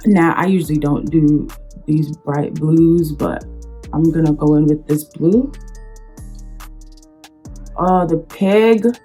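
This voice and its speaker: A young woman with a low-pitched, dark, slightly breathy voice chats casually with viewers as she does her makeup, calling them girl and child. She's a beauty vlogger whose intonation stays fairly even at a measured pace, with faint music playing under her voice.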